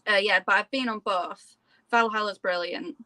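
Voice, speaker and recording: A woman's voice: medium pitch, steady tone, normal speed, pushed and bright, dry recording. A woman talking casually as a guest in an interview. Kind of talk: casual chat.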